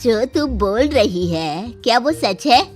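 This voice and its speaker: A woman voicing a calm, patient elderly mother-in-law in a cartoon, gently scolding. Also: fairly high pitch, slow pace, faint music behind. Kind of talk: cartoon voice acting.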